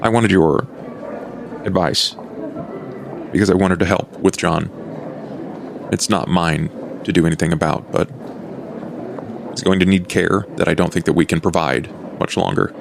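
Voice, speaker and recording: At a gaming table, a man plays an old, courteous male vampire with a low, gravelly voice. He speaks in measured, formal, understated phrases with fairly even intonation, sounding earnest and formal over faint background noise.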